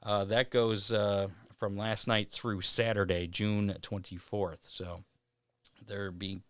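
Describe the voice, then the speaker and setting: A man hosting a racing show, reading event schedules in a casual way with many "uh" pauses. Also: on the low side, flat delivery, clean tone, no room sound, clean studio sound. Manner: reads schedules with frequent "uh" pauses. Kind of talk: casual racing news rundown.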